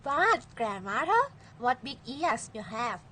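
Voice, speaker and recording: A woman's voice: fairly high pitch, big pitch swings, slow pace, bright, forceful tone, slight background noise, heavily acted. A woman playing an innocent little girl in an amateur storybook play. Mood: puzzled.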